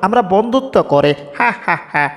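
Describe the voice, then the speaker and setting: A man voicing small, greedy baby birds in a homemade cartoon dub, squeaky and excited. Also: moderate pace. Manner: squeaky, excited, munching noises. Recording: long reverb, echoey room.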